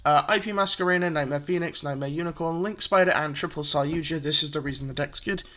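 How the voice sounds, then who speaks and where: A man's voice: fairly high pitch, fast talker, sharp tone. Chatty man explaining a card deck. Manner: chatty, filler-heavy, explains step by step. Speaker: deck profile presenter. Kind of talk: casual card game explanation.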